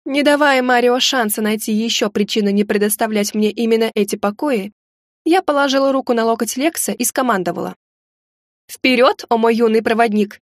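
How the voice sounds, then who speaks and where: A woman reading a first-person audiobook in a lively, wry storytelling manner. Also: fairly high pitch, brisk, no room sound, clean studio sound. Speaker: audiobook narrator.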